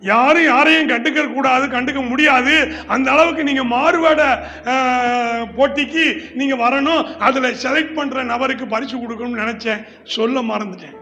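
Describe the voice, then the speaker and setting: A man preaching a sermon as pastor in a church, with a Tamil Nadu accent, speaking emphatically and now and then breaking into shouted lines. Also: very high voice, moderate pace. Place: church hall. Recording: church hall with long reverb and faint music.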